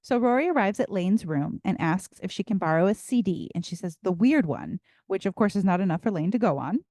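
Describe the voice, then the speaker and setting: A woman co-hosting a podcast, recapping an episode in a chatty, animated way and laughing often. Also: medium pitch, quick pace, dry recording, clean studio sound. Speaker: podcast co-host. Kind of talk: casual recap chat.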